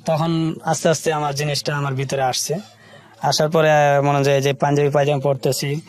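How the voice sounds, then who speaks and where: A man with a Bangladeshi accent recounts his life story as a guest in an interview. He speaks in short, halting, colloquial phrases, and his voice sits a little high with a flat delivery.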